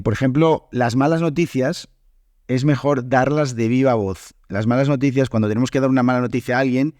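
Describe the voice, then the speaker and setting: A man from Spain with a hoarse, fading voice, explaining a Spanish lesson on his podcast and often checking in with his listeners. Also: mid-range voice, a little mellow, no echo, studio quality. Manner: explanatory, many fillers and checks. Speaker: Spanish teacher, podcast host.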